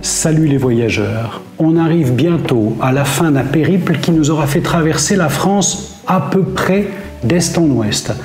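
A man in his fifties narrates his campsite tour in a steady, clearly scripted way, his voice sitting a touch high. The room gives him a noticeable echo. Faint music plays behind him. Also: unhurried. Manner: clear, steady presenter delivery. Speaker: travel vlogger. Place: indoor room with brick wall. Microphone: seated facing camera at table.

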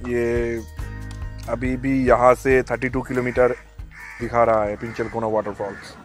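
A man's voice: medium pitch, level tone, measured pace, faint music behind. A young man chatting to an action camera held at arm's length as he walks an outdoor trail for his travel vlog. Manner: chatty, talking to camera while hiking. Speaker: travel vlogger.

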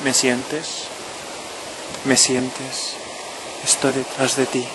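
A medium-pitched voice speaks intimately, as if right in your ear, guiding a relaxation in short measured phrases. The clear noise of rushing water runs behind it. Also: little pitch movement. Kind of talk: slow guided relaxation narration, spoken to the listener. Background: running stream, natural outdoor ambience.

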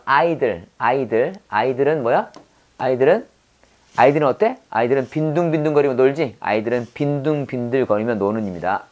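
Low-voiced woman drilling English words. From South Korea. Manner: repeats words and quizzes the viewer, drawn-out pronunciation drills. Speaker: English teacher. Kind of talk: vocabulary lesson with mnemonic wordplay.

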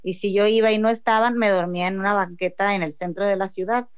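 A woman's voice: medium pitch, fairly even intonation, quick pace, smooth, highs cut off. A woman with a Mexican accent giving a heartfelt personal faith testimony, often restarting her sentences. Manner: heartfelt storytelling with frequent restarts.

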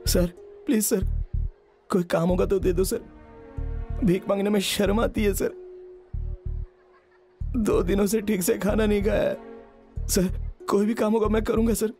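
A young beggar who pleads for work, then drinks and pours out his grief in a tearful, rambling voice. The voice sits very high, with soft film music underneath. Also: flat delivery, a little slow, long pauses. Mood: pleading. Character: young man, a drunk, grieving beggar begging for work. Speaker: dubbing actor voicing a young man. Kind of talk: Hindi film dub.

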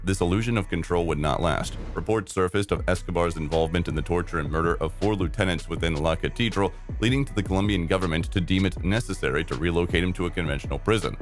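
A man reading a scripted documentary voice-over in a formal, dramatic manner, with occasional restarts. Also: low-pitched. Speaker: documentary narrator.

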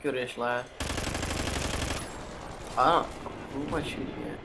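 A man's voice: medium pitch, steady tone, a little slow, background noise. A young man hosting his gaming channel, giving casual gameplay commentary with joking, muttered asides to himself.

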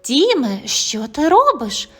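A woman's voice: sits high, very animated, slow pace, fairly bright tone, soft background music, exaggerated voice. A woman voicing a caring mother who speaks firmly but reassuringly, in an audio fairy tale. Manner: firm, reassuring.

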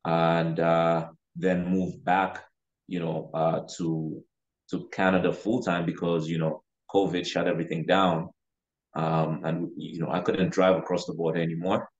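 With little pitch movement in his low voice, a Ugandan real estate investor in his thirties talks unhurriedly as a podcast guest. His casual interview chat is hesitant and full of "you know." He joins by video call from his living room, seated back from the camera, and the audio is dull and lo-fi.

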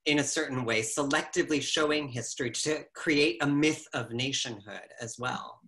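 Bright-voiced man on a video call. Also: medium pitch, moderate pace. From United States. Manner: conversational, uses "like" often, gestures while talking. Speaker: panelist curator. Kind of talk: casual video call discussion. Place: home living room indoors. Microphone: laptop webcam video call.

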